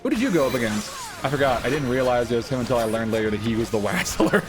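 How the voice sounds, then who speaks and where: A man who works as a streamer and voice actor, chatting excitably to viewers on a livestream and often repeating his phrases. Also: medium pitch, quick pace, music in the background, low-quality recording.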